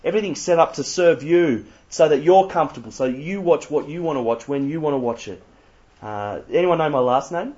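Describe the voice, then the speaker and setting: A man's voice: a little high, lively intonation, brisk, a little mellow. A young Australian man giving an interactive church talk, quizzing the audience with playful asides. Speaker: youth speaker. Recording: slightly muffled lo-fi recording.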